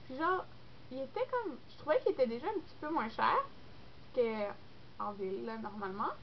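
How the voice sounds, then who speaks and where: An animated young adult woman, pitched on the high side and moving at a moderate pace, rambles through a casual vlog chat to camera. She does beauty content, speaks with a Québécois French accent, and sounds congested from a cold, leaning heavily on fillers. Dull lo-fi audio with faint noise.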